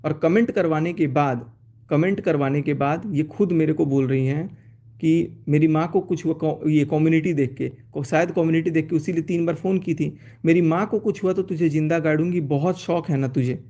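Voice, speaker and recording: On a phone live stream, a YouTuber with a fairly high, gravelly, mellow voice shows and reads out chat messages. He tells his side of things in an aggrieved tone.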